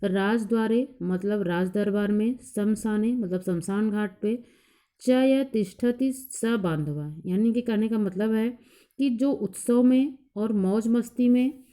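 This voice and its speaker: A woman teacher explaining a lesson to a class, reciting verses slowly and then explaining them in plain, repeated points. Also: mid-range voice, fairly even intonation, mellow. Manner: repeats each point several times. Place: coaching class.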